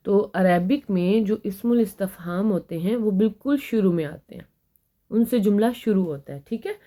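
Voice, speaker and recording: A woman teaching an Arabic grammar lesson, patiently explaining and reading example sentences slowly before translating them. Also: mid-range voice, mellow.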